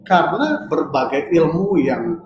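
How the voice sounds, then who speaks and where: A man's voice: fairly high pitch, big pitch swings, unhurried, reverberant, noisy background. A man, talking casually as a business guest over an online call that keeps cutting out. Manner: loose, mixes in English words. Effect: choppy, breaking-up online call audio. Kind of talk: casual podcast chat.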